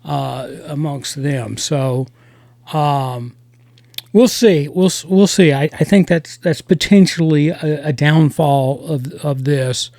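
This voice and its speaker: Gravelly man hosting a review chat. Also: on the high side, a little mellow, no echo. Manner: halting, many restarts and repeated words. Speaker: podcast host and reviewer.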